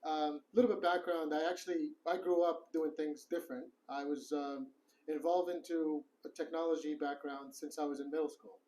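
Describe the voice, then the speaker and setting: Middle-aged guy from morocco, kinda high voice, calm steady tech explainer in an office interview. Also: moderate pace, rough recording. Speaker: guest, tech co-founder. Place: office in the city.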